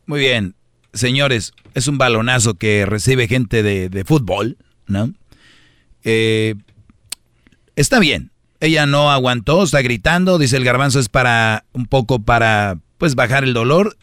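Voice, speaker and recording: A radio host with a mid-pitched voice argues a point and teases his co-host. His delivery is sarcastic and pushy. The studio mic sounds close and dry. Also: a little slow, a bit bright, dry recording. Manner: teasing, sarcastic, argumentative. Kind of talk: casual studio banter.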